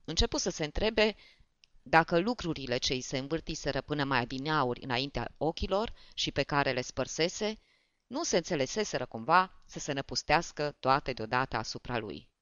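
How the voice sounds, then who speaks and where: Expressive, lively audiobook narrator. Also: medium pitch, clean tone, no room sound. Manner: expressive storytelling. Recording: dull, dry.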